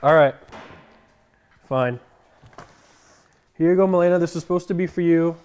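Streaming casually from his home kitchen, an early-thirties host answers in a blunt, dry way, turning things down deadpan. His voice is a little high and clean in tone, at a normal speed.

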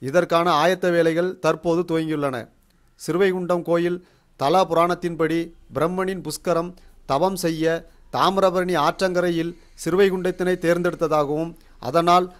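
High-voiced Tamil news reader, formal. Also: male voice. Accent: Tamil Nadu. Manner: formal, measured news delivery. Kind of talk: scripted news narration.

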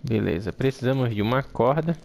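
Creaky-voiced Brazilian man playing horror games. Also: medium pitch, animated, a little fast, a little mellow. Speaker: horror game streamer. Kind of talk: casual gameplay commentary. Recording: background noise under the voice. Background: horror game ambience.

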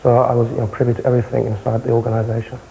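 A young man with a South London accent, answering interview questions in a matter-of-fact, halting way. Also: mid-range voice, level tone, vocal fry, dark tone, slight background noise, poor audio. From South London, England. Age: young adult. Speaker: interviewee, former far-right insider. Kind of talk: candid television interview. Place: indoor television interview, close camera.

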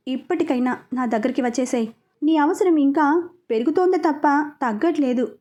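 A woman's voice: high-pitched, dark tone, natural voice. Woman voicing a sneering scheming male broker. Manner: sarcastic, menacing taunts.

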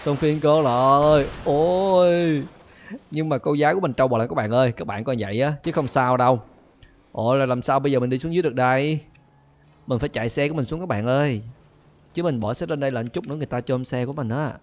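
A young man, chatty and laughing as he hosts an excited let's-play commentary. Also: medium pitch, very fast. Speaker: gaming channel host. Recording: dull lo-fi recording.

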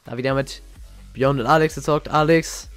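A young man giving casual, slangy reaction commentary as a gaming YouTuber, excitable and reminiscing. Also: mid-range voice, moderate pace, clear, resonant tone. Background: faint game music.

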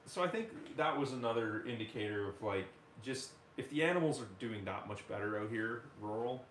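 A man's voice: medium pitch, expressive, normal speed, fairly bright tone, a little hiss or hum. A man, chatting casually and telling rambling stories as a homestead channel host in a living room. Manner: easygoing, rambling storyteller. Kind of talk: casual group chat. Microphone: far camera. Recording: echoey room.

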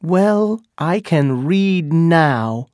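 Pocahontas, hurt young wife, as a narrator voices her, pitched up. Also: extremely slow, darkish tone, dry recording, studio quality. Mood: angry, hurt. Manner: emotional, reproachful. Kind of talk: audiobook character dialogue.

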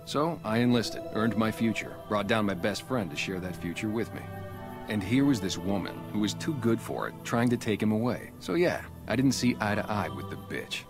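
An actor playing a blunt, guarded ex-gang sniper who now works as a town guard, in a video game. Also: male voice, on the low side, animated, moderate pace. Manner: blunt, matter-of-fact. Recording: game audio with music behind.

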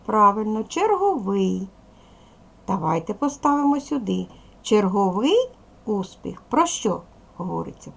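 Lively husky Ukrainian woman teacher. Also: mid-range voice. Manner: lively, sing-song teaching delivery. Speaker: primary school teacher. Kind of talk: video lesson for second graders.

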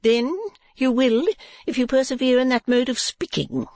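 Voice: high-pitched, moderate pace, a little mellow, no room sound, pitched above the performer's own voice. A reader voicing a haughty, genteel businesswoman wife in a classic novel, with an imperious, scolding manner. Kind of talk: classic novel audiobook character.

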